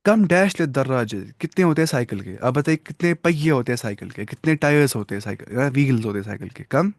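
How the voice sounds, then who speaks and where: A man's voice: medium pitch, lively intonation, no echo. Patient male language teacher quizzing students. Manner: mixes English words into explanations. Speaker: Arabic teacher. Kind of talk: classroom-style language lesson.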